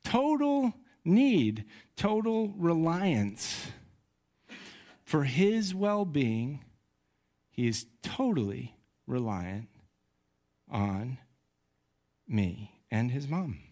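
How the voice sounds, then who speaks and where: Slow-speaking pastor with a light voice. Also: male voice, on the high side. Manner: conversational, animated when telling stories. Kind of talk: sermon. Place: church sanctuary. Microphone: handheld or headset mic.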